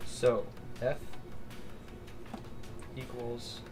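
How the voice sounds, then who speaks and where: A young man explains things patiently, step by step, in casual talk over drinks. His pitch is average, and music plays clearly behind him. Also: monotone, very slow. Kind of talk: casual chat while drinking.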